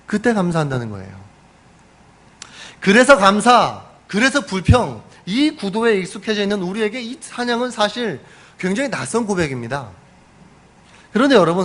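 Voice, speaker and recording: Animated high-voiced male preacher. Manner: animated storytelling, rhetorical questions to the congregation. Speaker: pastor. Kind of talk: sermon.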